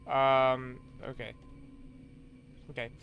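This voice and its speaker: A man streaming a game playthrough in a mid-pitched voice, talking casually to himself. He hesitates often, with lots of ums and small self-corrections, and a faint hiss of noise sits behind him. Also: completely flat delivery, extremely slow, lo-fi sound.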